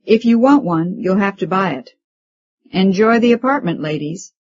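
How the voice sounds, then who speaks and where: A woman voicing a skeptical, chauvinist male janitor who talks in a gruff, doubting way. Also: medium pitch, animated, normal speed, no echo, lo-fi sound, natural voice.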